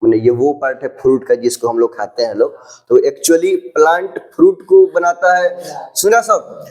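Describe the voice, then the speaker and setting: At the board, a man gives a biology lecture mixed with English terms, explaining step by step and regularly checking that the class is following. His mid-range voice is steady, moderately paced, and a little mellow, though the recording is rough.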